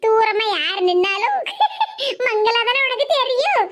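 A performer voicing a scheming, sharp-tongued middle-aged aunt in a cartoon, with a Tirunelveli Tamil accent and taunting laughs. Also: extremely high pitch, very animated, slow pace, very noisy, full character voice. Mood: mocking. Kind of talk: cartoon voice acting.

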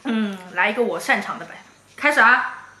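A young woman with a bright, forceful voice chats playfully and animatedly. Her pitch swings widely, with a giggly manner. The room sounds echoey, picked up by a camera a short way off. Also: animated, normal speed. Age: young adult. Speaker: whisper challenge player. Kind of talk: playful casual chat. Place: living room with sofa, indoors.

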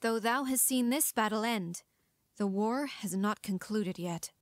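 An actress playing a proud, sharp-tongued young rebel princess, speaking formal archaic verse in an audio drama. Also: female voice, mid-range voice, measured pace, dry recording, close to an everyday voice. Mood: sharp, earnest.

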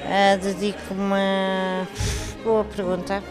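A woman's voice: mid-range voice, little pitch movement, slow, music in the background. An older woman in her sixties with a European Portuguese accent, a volunteer answering a reporter modestly and thoughtfully. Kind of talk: interview. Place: large indoor hall with clothing stalls. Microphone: handheld reporter mic.

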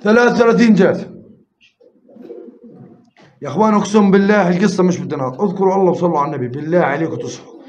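High-voiced pigeon auctioneer. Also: male voice, a little mellow. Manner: rapid bid counting and urging viewers. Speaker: live auction host. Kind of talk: live-stream pigeon auction calling. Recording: roomy, slightly dull live-stream audio with faint noise.

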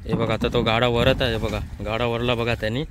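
A Mumbai-accented man vlogs casually from a small open boat on a creek, keeps pointing things out to his viewers, and speaks fairly quickly in a mid-range voice with little pitch movement. It's a noisy outdoor recording on a handheld phone.

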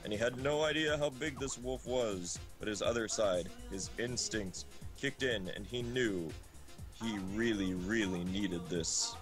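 A man with a lowish voice reads a story aloud on a group game livestream, taking his time, with faint music in the background. His reading is amateur and informal, and he keeps breaking off into laughter and side comments over the voice chat.

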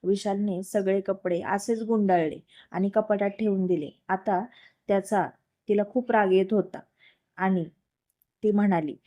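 A woman narrating a romance story in a steady, plain storytelling manner. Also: medium pitch, measured pace.

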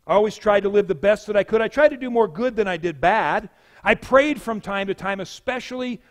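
A man voicing an ordinary man before God who stammers and pleads excuses, in a somewhat higher, louder voice. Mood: pleading.

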